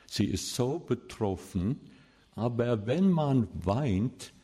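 A male pastor preaching a sermon with passion, swinging between loud and soft. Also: mid-range voice, lively intonation, slow, slightly rough. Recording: long reverb of a large hall.

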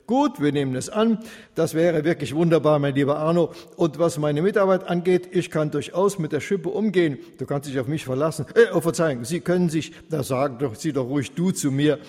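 A loud, hearty husband who keeps stumbling over his words, as a storyteller puts him on. The tone is a little husky. A long hall reverb hangs behind him. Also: fairly high pitch, fairly quick, natural voice. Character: older husband, hearty and grateful.

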